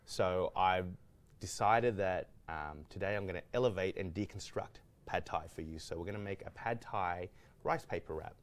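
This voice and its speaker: An Australian guest chef tells his story during a casual interview in a studio kitchen, rambling with plenty of fillers and restarts. He has a low voice and speaks at normal speed.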